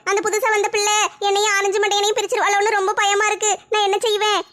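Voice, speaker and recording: A woman, acting out a comic family skit in fast, chatty banter. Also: extremely high pitch, completely flat delivery, fairly bright tone.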